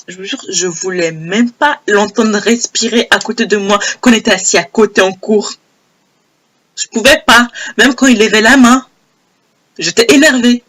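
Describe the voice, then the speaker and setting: A young woman with a hoarse, low voice telling a personal story in a casual, animated way, repeating phrases for emphasis. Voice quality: low broken voice. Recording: old homemade audio.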